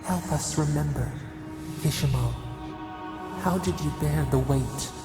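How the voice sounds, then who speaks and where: An actor voices an ancient, solemn nature spirit in a video game, delivering cryptic, poetic lines with a portentous, reverent mood. His gravelly, medium-pitched voice moves at a measured pace and echoes beneath loud, prominent music.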